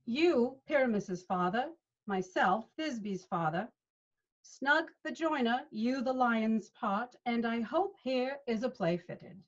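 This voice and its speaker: Over dull video-call audio, a woman plays a patient male leader directing amateur players in a Shakespeare read. Her voice sits on the high side, animated and slow, as she gives expressive instructions.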